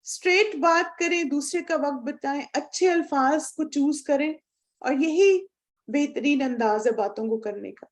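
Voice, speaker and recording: High-voiced woman teaching a religious class. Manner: earnest and instructive, asks the class questions; mixes English words into her talk. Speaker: Quran course teacher. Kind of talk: religious lesson lecture.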